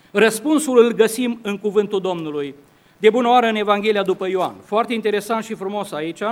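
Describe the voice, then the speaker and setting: A man delivers an earnest sermon to a church congregation. His voice sits very high for a man. He poses rhetorical questions and often restarts his sentences mid-thought. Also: a bit bright. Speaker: preacher. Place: church service.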